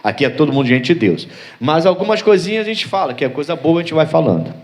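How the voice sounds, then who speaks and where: A man's voice: fairly high pitch, very animated, fast talker. A man, a pastor preaching a sermon, telling stories and asking his congregation rhetorical questions. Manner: storytelling with acted voices and rhetorical questions.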